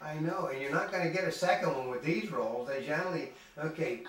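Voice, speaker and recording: An older man reporting on a film festival in casual chat, rambling and halting with many restarts. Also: fairly high pitch, fairly bright tone. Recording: echoey room from far off, faint ambience.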